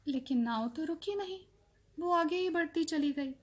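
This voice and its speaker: A woman narrating a children's story slowly, repeating phrases and acting out sounds. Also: very high voice, expressive. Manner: slow and repetitive, acts out sounds.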